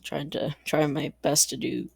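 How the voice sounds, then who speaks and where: A man's voice: on the high side, steady tone, unhurried, gravelly, husky, dry recording, studio quality. A man giving casual, rambling commentary over a strategy game, chatty and full of asides, little laughs and mild exasperated swearing. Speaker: gaming channel host.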